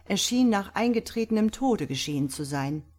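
A woman voicing an impatient, sharp-minded male doctor who questions forcefully in a read-aloud story. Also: medium pitch, animated, close to an everyday voice. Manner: forceful, sharp, quick to anger.

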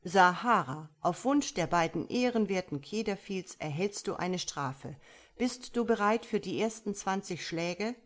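A woman's voice: fairly low pitch, animated, unhurried, few pauses, a little mellow. A woman reading aloud and voicing a cruel male dwarf clown who speaks sternly and mockingly in a theatrical way.

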